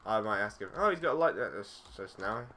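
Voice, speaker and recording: Brisk and expressive, a young male YouTuber with a voice on the low side gives casual commentary on a game he's playing. He rambles comfortably, leaning on fillers and frequently correcting himself, and the recording carries loud noise plus game clicks.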